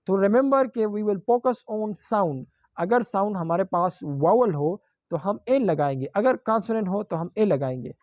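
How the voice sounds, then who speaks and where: A man teaching an online grammar lecture, explaining step by step and repeating examples slowly, with English phrases mixed into his explanations. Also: high voice, lively intonation, darkish tone, no room sound, studio quality.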